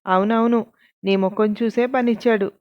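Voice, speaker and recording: A woman's voice: medium pitch, steady tone, normal speed, dull audio, natural voice. A woman voicing a blunt, defiant male mason who fires back taunting retorts in a told story.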